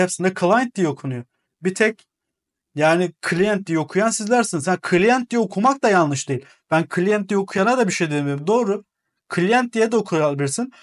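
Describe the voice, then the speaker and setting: A man with a fairly high voice talks straight to his viewers in a casual monologue. He sounds exasperated and lecturing, and he repeats words over and over to make his point. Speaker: gaming channel host. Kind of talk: casual monologue replying to comments.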